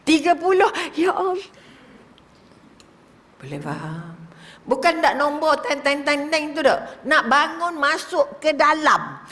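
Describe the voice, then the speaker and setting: A woman's voice: sits high, unhurried. Older Malaysian woman preaching in a hall. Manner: lively, asks rhetorical questions, drops to whispers to demonstrate prayer. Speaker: religious teacher. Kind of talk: religious lecture to an audience. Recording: reverberant hall.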